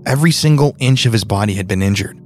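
Guy reading out a crime story, steady and grave. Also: fairly low pitch, quick pace, soft background music. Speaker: podcast narrator. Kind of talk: scripted narration.

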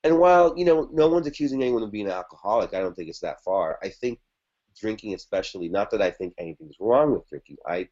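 A fast-talking podcast guest, with a voice on the low side, a little mellow and lively in intonation, shares a casual story about a past relationship. He keeps circling back with fillers and restarts, and the audio is lo-fi.

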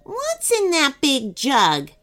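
A woman's voice: high-pitched, wildly swooping pitch, unhurried, pushed and bright, faint music behind, pitched above the performer's own voice, full character voice. A woman voicing a snooty, rude female cookie in a storybook, haughty and abrupt.

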